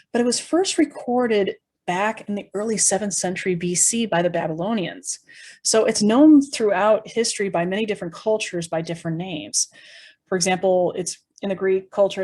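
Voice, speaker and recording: A woman's voice: mid-range voice, darkish tone. A woman presenting an educational tour in a conversational, explanatory way, with informal asides and rhetorical questions.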